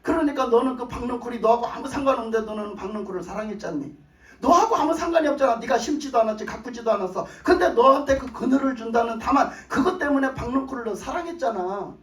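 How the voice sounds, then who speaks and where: A man voicing God as a patient, loving father who gently coaxes, in an echoey hall. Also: extremely high pitch, animated, quick pace. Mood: tender. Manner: gentle, coaxing pleas. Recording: echoey church hall from a distance.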